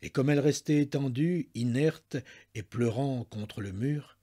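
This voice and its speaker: A male storyteller giving a dramatic reading of a classic short story, often dropping to a hushed tone. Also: medium pitch, unhurried, slightly rough.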